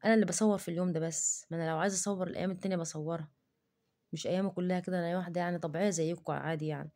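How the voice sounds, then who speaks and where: A woman's voice: on the low side, fairly even intonation, very fast, warm tone. A woman with an Egyptian Arabic accent, talking to camera in a casual cooking vlog and defending herself in an indignant rant. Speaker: cooking vlogger.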